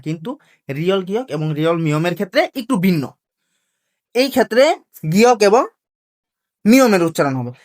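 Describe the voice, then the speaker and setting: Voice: mid-range voice, a little mellow. Teacher drilling rules with questions. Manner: asks rhetorical questions and answers them, repeats key points; slow, careful drilling of pronunciation rules. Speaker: language teacher. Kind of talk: classroom-style video lesson.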